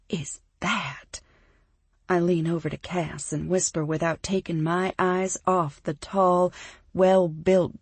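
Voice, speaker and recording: A woman narrating a romance audiobook in the first person, reading slowly. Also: on the low side, a little mellow, husky, dry recording.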